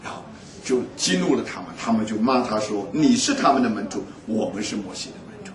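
A man preaching a sermon, telling stories in an animated way and laughing often. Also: fairly low pitch, brisk. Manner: animated storytelling with frequent laughs. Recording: echoey hall, voice from far off.

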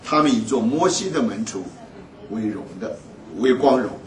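A man preaching a sermon, telling stories in an animated way and laughing often. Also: mid-range voice, normal speed. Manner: animated storytelling with frequent laughs. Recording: echoey hall, voice from far off.

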